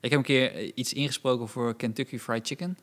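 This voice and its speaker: A man's voice: mid-range voice, steady tone, fast, fairly bright tone. A man co-hosting a podcast in casual chat. He mumbles his words, teases his co-host and laughs often.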